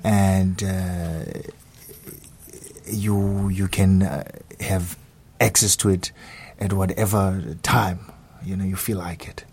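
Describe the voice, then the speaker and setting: A man with a South African accent answers as a student guest on radio, halting with many pauses and repeats. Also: sits low, level tone, a little mellow, a little hiss or hum.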